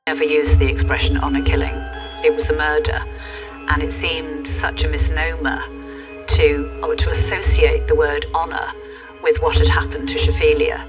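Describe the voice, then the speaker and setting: A man in a documentary interview, explaining in a deliberate way. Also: on the high side, flat delivery, far from the mic, music in the background.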